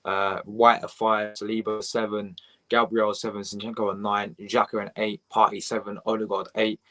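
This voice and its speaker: A young man talks in a low voice, hosting a live match reaction stream. He rambles excitably and chats back and forth with his viewers. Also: normal speed. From England. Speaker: fan channel host.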